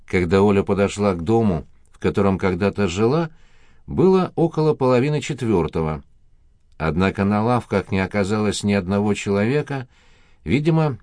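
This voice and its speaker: A man narrating a story in a measured, even reading style. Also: lowish voice, no room sound, clean studio sound.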